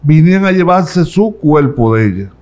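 A man's voice: a little high, moderate pace. Male guest, testimony storyteller, vivid, acts out the dialogue. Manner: animated storytelling, acting out quoted voices. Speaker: guest telling his testimony. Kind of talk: testimony interview.

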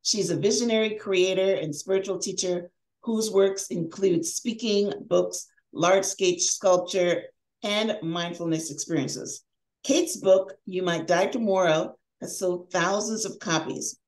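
A woman's voice: mid-range voice, unhurried, darkish tone, low-quality recording. A middle-aged woman hosting a podcast, reading an introduction with upbeat, emphatic delivery over a video call. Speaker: podcast host, life coach. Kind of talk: scripted introduction and interview. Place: home room, video call.

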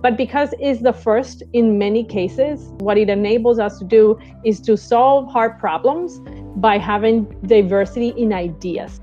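A woman's voice: medium pitch, warm tone, highs cut off. A woman in her thirties from Colombia, speaking English with a Colombian Spanish accent and Spanish as her first language, explaining eagerly as a space mission flight director on a video call through earbuds. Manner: eager, explanatory, tags lines with "right?". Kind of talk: recorded video interview. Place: small indoor room, seated in an armchair. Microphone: wired earbud mic on a video call.

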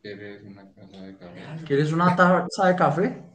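A man's voice: a little high, big pitch swings, moderate pace, fairly bright tone. A man answering as a student in a class, hesitant and repeating his answers. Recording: echoey, distant, noisy line.

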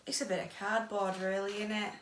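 A young British woman hosts a chatty unboxing vlog, playful and informal, speaking a little fast at a medium pitch with a level tone. She's indoors in a small home bedroom. The recording sounds roomy, with a distant mic and audible noise.

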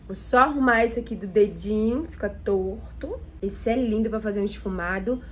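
A woman's voice: mid-range voice, moderate pace, slight background noise. A Brazilian woman doing a makeup tutorial, talking to viewers in an enthusiastic, chatty way as she tests the products. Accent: Brazilian Portuguese. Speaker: makeup vlogger.

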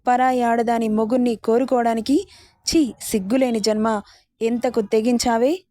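A woman's voice: a little high, mellow, no echo, clean studio sound, close to an everyday voice. Woman reading as an outraged scolding wife. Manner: scolding, accusing.

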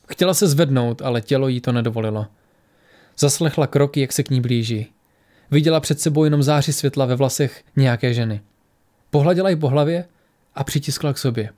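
A man reading a fantasy audiobook in a measured, steady storytelling voice. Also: a little high. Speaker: audiobook narrator. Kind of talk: scripted fantasy narration.

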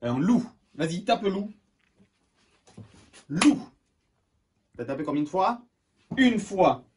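A man teaching young children in a video lesson, slow and encouraging, clapping out syllables, recorded indoors. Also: sits high. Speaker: schoolteacher. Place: indoors at home. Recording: distant mic with steady background noise.

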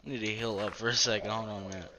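Host, male gamer: low-set but very bright, edgy voice, pitch all over the place, swearing and yelping through casual play commentary at a desk mic. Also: rapid-fire. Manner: excitable, profane, trash-talking, sudden yelps. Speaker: gaming channel host.

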